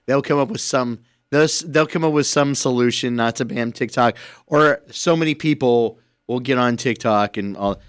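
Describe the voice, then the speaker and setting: A man's voice: medium pitch, normal speed, clean tone, no echo, studio quality. A man co-hosting a radio station podcast, chatting casually and rambling with repeated words. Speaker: podcast co-host. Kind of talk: casual chat.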